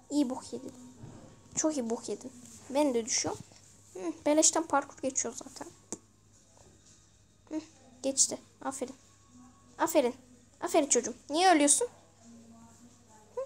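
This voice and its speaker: A young woman giving casual, exasperated gameplay commentary with bursts of shouting and swearing. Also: high-pitched. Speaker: gaming video creator.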